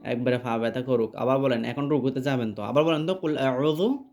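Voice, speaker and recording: A man teaching recitation and prayer one-on-one, patiently correcting his pupil and repeating phrases slowly. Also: medium pitch, steady tone, vocal fry, darkish tone.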